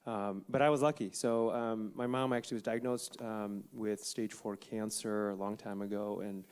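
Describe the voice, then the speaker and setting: A man's voice: fairly low pitch, steady tone, normal speed, darkish tone, clear, resonant tone. A man on a conference panel telling an earnest personal story and acting out quoted family members. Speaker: panel guest.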